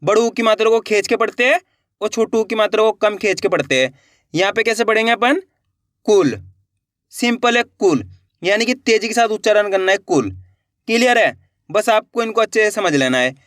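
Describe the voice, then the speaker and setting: A woman's voice: medium pitch, a little fast, no room sound, studio quality. A woman teaching children's reading, sounding out syllables one at a time and blending them into words, often asking the viewers questions. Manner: addresses viewers as friends, asks questions.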